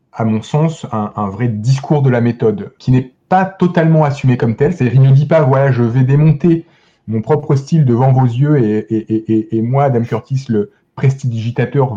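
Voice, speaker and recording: A man chatting as a guest film critic on a podcast, enthusiastic but halting, with many restarts and fillers. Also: medium pitch, dark tone, highs cut off. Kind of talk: casual podcast discussion.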